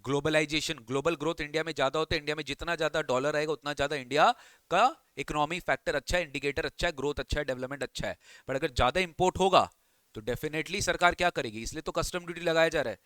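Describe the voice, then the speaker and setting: A man's voice: fairly high pitch, quick pace, fairly bright tone, clean tone, no room sound. A man teaching an exam coaching lecture, often quizzing his students and mixing English reading with Hindi explanation. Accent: Indian English. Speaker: tax lecturer.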